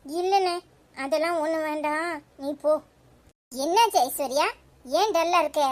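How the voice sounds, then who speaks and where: A woman's voice: high voice, unhurried. A woman with a Tirunelveli Tamil accent voicing a stubborn young married woman in a cartoon, speaking curtly and defiantly. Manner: curt, defiant.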